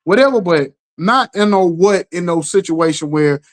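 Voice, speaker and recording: A man co-hosting a casual talk show, telling stories with lively acted-out quotes and a steady "you know what I'm saying.". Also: normal speed. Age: adult parent. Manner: animated storytelling, acts out quotes with jumps in pitch. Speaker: podcast co-host. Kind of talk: casual chat.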